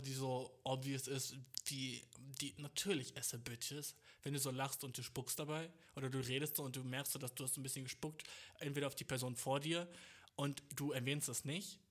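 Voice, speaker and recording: With a mid-range, slightly bright voice, the young podcast host launches into a loose, joke-heavy monologue. Slang and English swearing run throughout, and he keeps laughing at his own punchlines.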